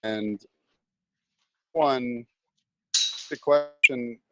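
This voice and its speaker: A man co-hosting an online question session, his voice breaking up in glitchy cut-outs with pitch jumps over an internet call. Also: darkish tone, smooth, dry recording, rough recording. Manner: halting, broken-up phrases. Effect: glitchy cutting-out internet call audio with pitch jumps. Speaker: co-host asking questions. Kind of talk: casual online Q&A chat.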